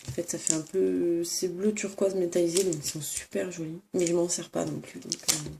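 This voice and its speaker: A woman's voice: lowish voice, flat delivery, normal speed, creaky, dark tone, a little hiss or hum. Sniffling woman showing craft supplies. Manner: hesitant, many fillers and self-corrections. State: sick, sniffling. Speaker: crafts vlogger. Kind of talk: casual show-and-tell of craft supplies. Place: room at home. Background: crinkling plastic bags.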